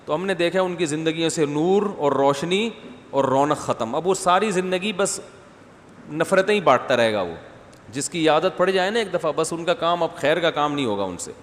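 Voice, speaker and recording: A man's voice: a little high, lively intonation. A man giving a conversational religious lecture to a gathering, slipping in humorous asides and asking the audience questions. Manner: humorous wordplay. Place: mosque gathering after night prayers. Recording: long hall reverb, faint background noise.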